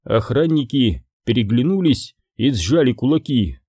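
A man reading a fantasy storybook aloud, with an expressive, lively delivery. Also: mid-range voice, measured pace, slightly rough, dry recording, clean studio sound. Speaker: audiobook reader. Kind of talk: storybook narration.

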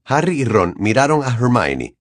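A man narrating a dramatized audiobook in an even storytelling delivery. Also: mid-range voice, normal speed, dry recording, studio quality.

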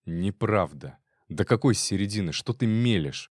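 Jealous furious young husband voiced by a man, deep voice, dry close sound, audiobook. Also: animated, unhurried, husky, no room sound. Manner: jealous, shouting through teeth.

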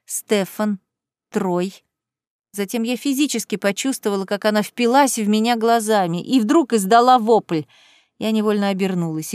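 A woman reads a first-person audiobook in an even, calm storytelling manner. Her voice sits fairly high. The recording is dry, with no room around it. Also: no echo. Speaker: audiobook narrator.

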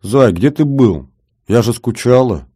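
A man's voice: sits low, animated, moderate pace, warm tone, no echo, clean studio sound. Man voicing a coy young woman.

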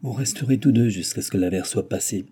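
A man's voice: on the low side, quick pace, dark tone, slightly rough. A man reading an audiobook, voicing a talkative, grateful old cottager woman with an effusive, pleading manner. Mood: fussing.

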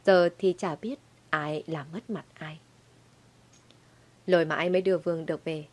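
A woman narrating a dramatic audio story in a lively storytelling manner. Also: sits low, moderate pace.

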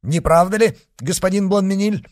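Scheming churchman in a read-aloud novel, voiced by a man, loud and emphatic. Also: high voice, moderate pace, pitched above the performer's own voice, close to an everyday voice. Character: scheming ambitious churchman, a coadjutor, rousing.

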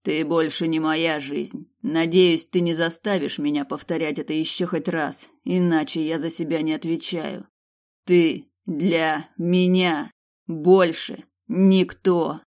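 A woman's voice: sits low, steady tone, normal speed, hardly any pauses. Woman reading as a cold menacing mercenary. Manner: clipped, cold delivery. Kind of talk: audiobook character reading.

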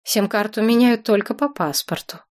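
A woman voicing a calm, polite middle-aged man who speaks in an unruffled, soothing way. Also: mid-range voice, moderate pace, lightly acted.

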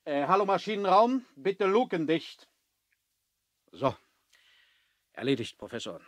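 An actor playing an unflappable, imperious submarine captain in a 1970s radio play, speaking in a calm, curt, condescending way with dry irony. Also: male voice, a little high, measured pace, soft background music. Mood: dismissive, unruffled. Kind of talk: 1970s German adventure radio play acting.

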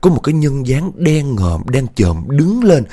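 A man's voice: medium pitch, big pitch swings, unhurried, mellow. A man telling a ghost story in a chatty way, talking straight to his listeners and acting out the scary parts. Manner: chatty, addresses listeners directly, acts out scares. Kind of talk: spoken ghost story narration.

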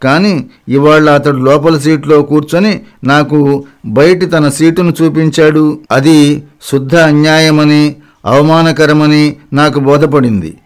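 Male audiobook narrator, slightly higher voice, clean and resonant, even memoir reading. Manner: steady, measured first-person reading.

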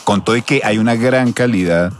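A man's voice: on the low side, a little fast, crowd noise. A man giving his opinions as a panelist in casual radio chat. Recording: music playing behind.

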